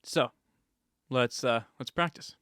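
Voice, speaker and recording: A man's voice: mid-range voice, takes it slowly, fairly bright tone, clean tone, no echo, studio quality. A man giving a casual step-by-step tutorial on voice effects, explaining settings plainly with fillers and restarts.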